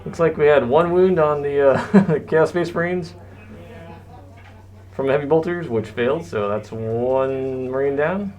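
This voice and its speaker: A man's voice: on the high side, unhurried, darkish tone. A man doing casual live tabletop game commentary, his voice muffled by a face mask. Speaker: match commentator.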